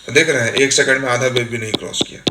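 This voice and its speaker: A man's voice: medium pitch, steady tone, rapid-fire. A man teaching a recorded exam-coaching lecture, explaining with everyday examples and often checking that students follow. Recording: echoey room, faint hiss.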